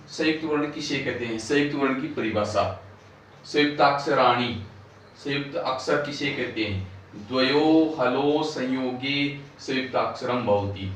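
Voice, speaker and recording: A man teaching a class, sounding out syllables slowly one by one and explaining the words they build. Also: mid-range voice, fairly bright tone, a little hiss or hum. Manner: slow, drawn-out syllable-by-syllable pronunciation. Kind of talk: classroom lesson. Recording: echoey room, voice far from mic.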